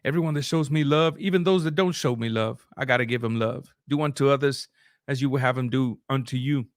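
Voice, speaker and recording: A middle-aged man, Spanish by first language, hosts a boxing live stream at a brisk pace, reading super chats in informal talk with restarts and fillers. His voice is mid-range. The recording is dry and of studio quality.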